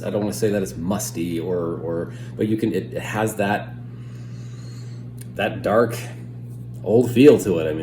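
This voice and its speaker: American man, deep voice, casual rambling reviewer, hesitant phrasing, roomy echo, faint background noise. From United States. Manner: rambling, hesitant, circling back to qualify points. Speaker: pipe tobacco reviewer.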